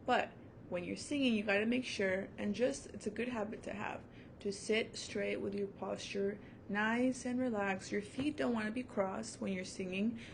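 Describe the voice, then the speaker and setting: A woman's voice: medium pitch, fairly even intonation, moderate pace, gravelly, slight background noise. Upbeat woman teaching a kids' music lesson. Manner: upbeat, encouraging, many fillers. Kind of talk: recorded online music lesson for children. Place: seated at home before her own camera. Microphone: camera mic.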